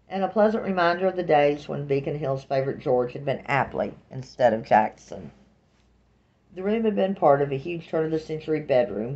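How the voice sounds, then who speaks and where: An audiobook narrator from Alabama reads a first-person novel aloud in a Southern accent, keeping her delivery dry and wry. She has a bass, darkish female voice, and the audio sounds dull.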